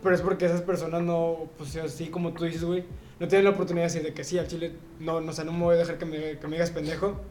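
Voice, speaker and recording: A man's voice: on the high side, little pitch movement, very fast, darkish tone, a little hiss or hum. A young Mexican man in casual podcast chat, rambling and slangy. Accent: Mexican Spanish. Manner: slangy, rambling, peppered with güey. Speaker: podcast co-host. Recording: echoey room.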